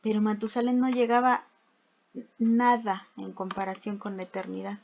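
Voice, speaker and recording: Una mujer que enseña la Biblia en un sermón, con preguntas retóricas y lectura de versículos. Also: female voice, mid-range voice, little pitch movement, normal speed, gravelly, a little mellow, a little hiss or hum. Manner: asks rhetorical questions, reads scripture aloud. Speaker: preacher. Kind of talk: bible teaching. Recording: dull lo-fi recording.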